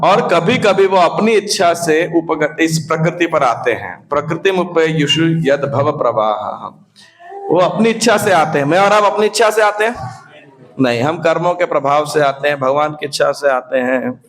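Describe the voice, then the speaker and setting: A man teaching a youth scripture class, asking the students questions, slipping into English and chanting verses slowly. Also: fairly high pitch, low-quality recording.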